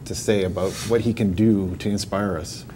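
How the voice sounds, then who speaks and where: A man's voice: low-pitched, steady tone, moderate pace, mellow, a little hiss or hum. A man hosting a studio panel, leading the discussion in an upbeat way. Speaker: host. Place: TV studio set.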